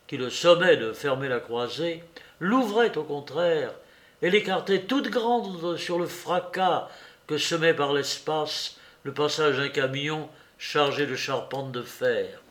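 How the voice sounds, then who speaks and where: A fairly high-pitched man reads a classic novel aloud, narrating the audiobook in a measured, expressive way.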